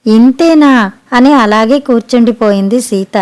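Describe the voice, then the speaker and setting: A woman narrating a family story for an audiobook, in measured scripted storytelling. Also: medium pitch, darkish tone.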